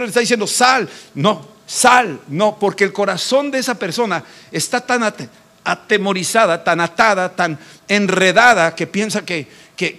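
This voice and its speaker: A male pastor preaching a sermon, swinging between loud emphatic declarations and soft, hushed reassurances. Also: a little high.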